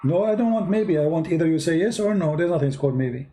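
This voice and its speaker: A man's voice: on the high side, expressive, quick pace, dark tone, a little hiss or hum. Insistent man hosting a call-in show. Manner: pushy, repeats questions. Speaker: host. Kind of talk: live call-in debate.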